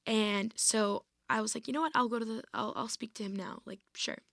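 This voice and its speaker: A woman's voice: a little high, fairly even intonation, a little fast, creaky, fairly bright tone, dry recording, studio quality. A woman in her twenties, a guest on an interview podcast, recounting her experiences casually with lots of "like" and "I was like". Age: 20s. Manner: retells events with frequent "like" and "I was like". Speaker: podcast guest, varsity athlete.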